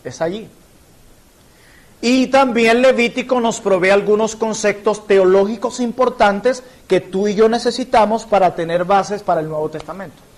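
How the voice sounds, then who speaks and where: Earnest Colombian-born pastor teaching a lesson. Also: male voice, high voice, moderate pace. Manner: earnest, explanatory, illustrates with personal stories. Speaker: pastor teaching a Bible class. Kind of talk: church Bible lesson.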